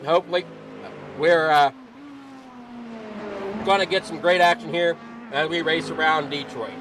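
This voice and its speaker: A man with a somewhat high, fairly even voice commentates an online sim race, going through the starting grid a little slowly. He's casual and a bit breathless, apologizing and rambling some, with background noise behind him.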